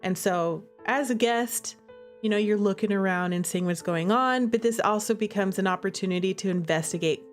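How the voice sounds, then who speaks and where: This woman speaks at medium pitch and normal speed, giving casual livestream commentary on the game she's playing. Playful and giggly, she stresses things emphatically with repeated "okay?" and "all right?" tags over background music.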